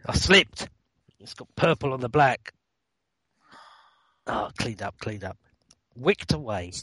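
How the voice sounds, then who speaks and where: A man's voice: medium pitch, expressive, slow pace, fairly bright tone, husky, no room sound. A man co-hosting a podcast, rambling in casual chat while painting miniatures. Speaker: podcast co-host.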